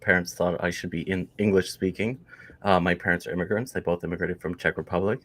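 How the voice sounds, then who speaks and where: A Canadian man in his forties speaks as a podcast guest, his voice sitting very low. He rambles casually, circling back with fillers and restarts as he tells his story. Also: fairly even intonation, fast, fairly bright tone. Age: 40s. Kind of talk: casual interview chat.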